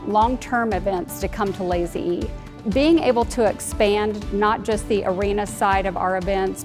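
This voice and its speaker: A woman's voice: mid-range voice, creaky. Woman promoting a venue over music. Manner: measured and informative, with occasional fillers. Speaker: arena venue representative. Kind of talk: promotional feature statement. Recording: music bed under the voice.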